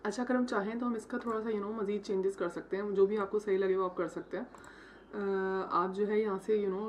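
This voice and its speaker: A woman's voice: medium pitch, darkish tone, a little hiss or hum. A woman teaching logo design step by step, mixing English terms into her Hindi and checking in with "theek hai" after each step. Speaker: design tutor. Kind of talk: screen-recorded software tutorial.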